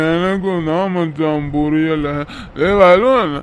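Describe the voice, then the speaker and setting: A man's voice: high-pitched, very slow, a little hiss or hum. A man voicing a drunk, lovesick young businessman in a cartoon, rambling with slurred, giggling talk. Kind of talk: cartoon voice acting.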